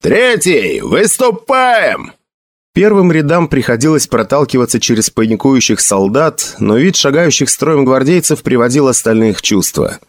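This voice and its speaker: A man narrating an audiobook in an expressive storytelling manner. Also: mid-range voice. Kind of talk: scripted narration.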